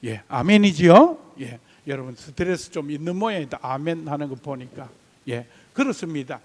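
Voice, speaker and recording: A pastor with a Gyeongsang Korean accent, preaching a lively Sunday sermon in a church sanctuary and putting questions to the congregation. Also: male voice, a little high, moderate pace. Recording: long church hall reverb.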